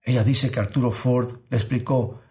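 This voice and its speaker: A man's voice: mid-range voice, steady tone, mellow. Earnest male preacher asking rhetorical questions. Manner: reads scripture slowly and deliberately. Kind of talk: sermon.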